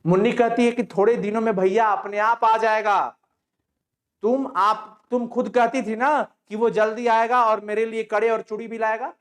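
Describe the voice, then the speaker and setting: A man's voice: sits high, steady tone. Male Hindi teacher retelling a play. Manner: retells the scene, quizzes students with quick questions. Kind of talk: explaining a Hindi play to students.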